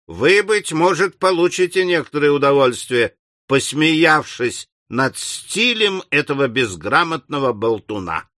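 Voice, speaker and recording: Audiobook figure: man doing a mocking editor, higher and slow, all sneer. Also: sing-song, pushed and bright, no echo, clean studio sound, full character voice. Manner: sneering, drawn-out taunts. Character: scornful mocking male newspaper editor.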